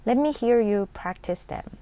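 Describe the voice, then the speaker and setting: A woman voicing a gently coaxing older man. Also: very high-pitched, lively intonation, a little hiss or hum, full character voice. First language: Korean. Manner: gently coaxing, slow and deliberate.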